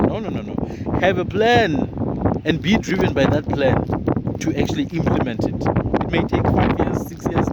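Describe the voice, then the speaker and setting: Earnest man over loud wind. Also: a little high. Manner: earnest, rambling, repeats words. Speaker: motivational vlogger. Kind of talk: casual motivational monologue. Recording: loud wind and boat noise outdoors.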